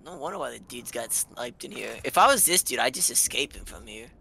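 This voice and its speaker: A young man talking through a co-op horror game with a bright, gravelly voice that swings widely in pitch. He chats loosely and breaks into excited yelps and shouts whenever something startles him. His voice sits a little higher than most men's. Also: a little fast, slight background noise. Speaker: co-op gamer. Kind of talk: casual gaming chat.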